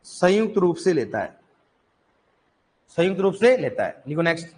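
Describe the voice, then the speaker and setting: A man's voice: sits high, big pitch swings, normal speed, darkish tone, slightly rough. A male agriculture teacher lecturing a classroom in with a tinge, quizzing students and repeating key answers, joking now and then.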